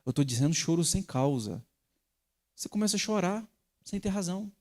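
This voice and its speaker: Male pastor, sermon, very lively pitch swings, emphatic peaks. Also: a little fast. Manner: animated preaching with sharp emphatic rises. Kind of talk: sermon teaching.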